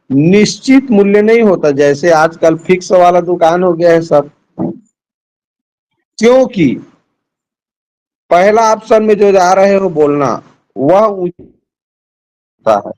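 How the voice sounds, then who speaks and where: A man's voice: high-pitched, animated, slow, pauses often, a little mellow, low-quality recording. A middle-aged man teaching a Hindi class, patiently walking his students through answer options one by one. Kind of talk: classroom lesson over a call.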